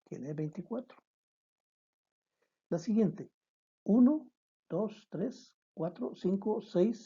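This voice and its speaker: A woman lectures on writing in a slow, unhurried way, taking students through each step and counting words aloud. Her voice is very dark and mellow, a little husky, and the recording sounds dull and lo-fi. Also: medium pitch. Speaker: writing teacher.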